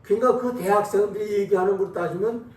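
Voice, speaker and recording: A man in his eighties, a pastor, giving a sermon at an unhurried, conversational pace with pauses and fillers, recorded in a church sanctuary from a distant microphone. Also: high-pitched, darkish tone. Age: 80s. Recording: echoey hall from far off.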